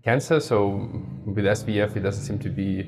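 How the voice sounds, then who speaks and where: A young man from Russia, answering interview questions about his treatment casually and haltingly, often restarting as he searches for words. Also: fairly low pitch, darkish tone, faint music behind. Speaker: patient interviewee.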